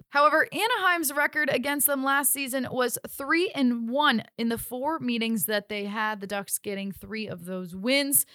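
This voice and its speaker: A woman hosts a sports podcast, presenting team news in a scripted segment and then interviewing a guest. Her voice sits high with a sharp tone, and the audio is studio quality with no echo.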